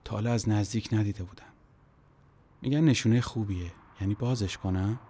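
A man narrates a first-person story in a low voice. His pacing is measured and quietly brooding, with a faint hiss beneath him.

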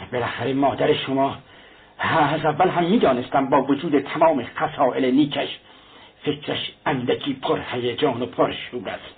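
A man's voice: medium pitch, breathy edge. A man voicing a pompous, offended middle-aged suitor who speaks in stiff, formal sentences. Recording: tinny lo-fi recording, faint hiss.

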